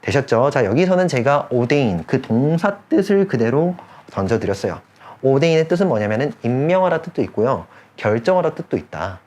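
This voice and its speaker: A man's voice: mid-range voice, big pitch swings, a little mellow. A man teaching an English grammar lecture, stopping often to check that students follow and repeating key points. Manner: drawls key phrases slowly for emphasis. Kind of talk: online lecture.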